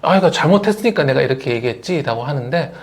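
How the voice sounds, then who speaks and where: A talk show host making relaxed comments and brief agreeing replies. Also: medium pitch, quick pace, a little hiss or hum. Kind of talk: casual chat.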